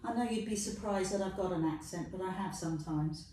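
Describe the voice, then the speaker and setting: Her voice is on the low side, brisk and warm, with a little hiss or hum on the recording. A middle-aged London woman leads Pilates, counting reps, encouraging the viewer and joking, heard from a distance in an echoey room.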